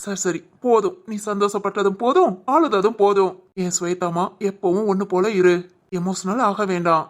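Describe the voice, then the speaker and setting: A voice actor playing a caring young husband in a cartoon, who gently teases and coaxes his wife. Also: medium pitch, normal speed, natural voice. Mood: tender, reassuring. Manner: gently teasing, coaxing. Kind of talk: cartoon voice acting.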